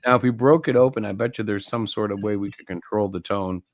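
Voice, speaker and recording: A man's voice: fairly low pitch, fast talker, no room sound. A middle-aged man co-hosting a live stream, chatting casually and rambling through opinions with jokes mixed in. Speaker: co-host of a live-streamed show. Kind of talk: casual chat.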